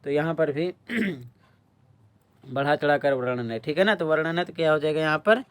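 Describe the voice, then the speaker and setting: A man teaching a Hindi lesson for exams. He quizzes his students and answers his own questions, and he clears his throat often. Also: a little high, moderate pace, no echo. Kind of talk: exam-prep lesson explaining answers.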